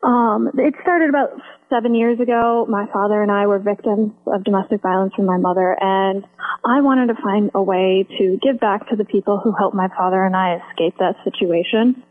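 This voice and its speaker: A woman's voice: mid-range voice, normal speed. A young woman from the Midwest on the phone, earnestly answering a radio interview about her charity drive. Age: young adult. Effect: over the phone. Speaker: charity organizer guest. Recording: tinny phone line.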